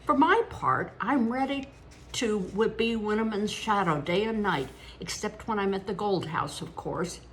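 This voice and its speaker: A woman in her older years reading aloud as an eager, cheeky, irrepressible young boy with a boastful, quick-witted way of talking. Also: mid-range voice, slight background noise, pitched above the performer's own voice, natural voice.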